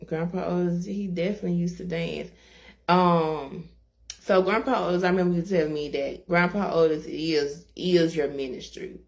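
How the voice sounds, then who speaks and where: A woman co-hosting a casual interview, relaxed and rambling with frequent laughs. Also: fairly low pitch, moderate pace. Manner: relaxed and rambling, laughing often, many fillers. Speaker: co-host, interviewer.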